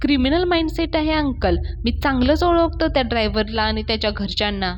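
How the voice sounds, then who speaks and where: एक स्त्री करत असलेला कारस्थानी तरुण पुरुष, जो खोटी कळकळ दाखवत बोलतो. आवाज थोडा उंच आहे. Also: female voice, high-pitched, fairly quick, highs cut off, a little hiss or hum, lightly acted. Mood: accusing. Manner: earnest, falsely emotional. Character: scheming young man, stirring up trouble.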